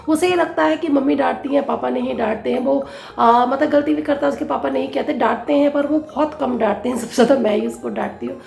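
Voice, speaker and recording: A woman's voice: fairly high pitch, creaky, mellow, echoey room. A woman chatting casually through a home vlog with a rambling, homely way of giving advice. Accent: Hindi, north Indian. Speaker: vlogger. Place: home kitchen.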